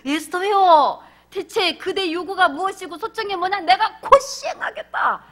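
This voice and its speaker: A generous ancient king speaks in a booming, expansive voice, as a woman preacher puts him on. The voice is high and bright. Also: animated, unhurried, full character voice.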